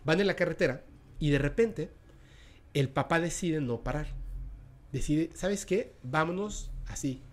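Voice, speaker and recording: A man with a Mexican accent casually telling a spooky story as a podcast host, with a dramatic delivery that sinks into a hush at tense moments. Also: a little high, a little slow.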